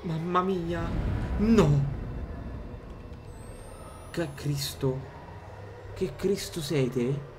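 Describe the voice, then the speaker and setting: A man's voice: on the high side, drawn-out words, long pauses, noisy background. Jumpy, swearing man commentating a horror game. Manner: jumpy, swearing, joking to himself. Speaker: gaming streamer. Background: game music.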